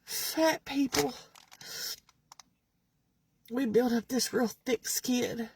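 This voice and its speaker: Tearful, high-pitched woman with a gravelly edge. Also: fairly even intonation, drawn-out words, a little mellow, slight background noise. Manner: tearful, pleading, breaks into whispers. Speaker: vlogger. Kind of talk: emotional personal vlog.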